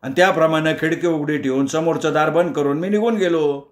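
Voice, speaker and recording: A man's voice: a little high, fairly quick, reverberant, lightly acted. A man voicing an exasperated middle-aged male neighbour who scolds and accuses in an agitated way, in a storybook reading. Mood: explaining.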